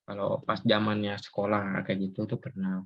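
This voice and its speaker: A man's voice: on the low side, monotone, a little fast, creaky. A young man hosting a casual chat, rambling with many fillers and laughing as he talks. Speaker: host. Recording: dull lo-fi sound.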